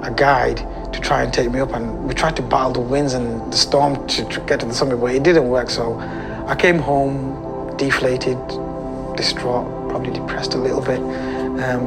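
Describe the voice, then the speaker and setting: A British man, an adventurer, telling his story in a lively, conversational way and speeding up when excited. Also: mid-range voice. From United Kingdom. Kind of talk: interview storytelling. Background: background music.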